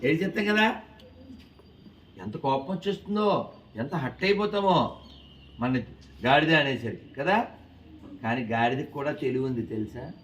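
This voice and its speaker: A man telling a lively moral story to schoolchildren in an animated, coaxing way, quizzing them as he goes. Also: medium pitch, normal speed, long pauses. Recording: distant, dull with faint noise.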